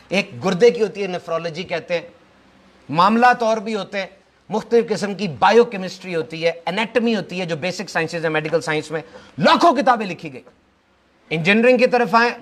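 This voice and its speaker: A man's voice: high-pitched, fairly bright tone. A young man giving a motivational lecture to a live audience, firing off lists and rhetorical questions and mixing in English phrases. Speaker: motivational speaker.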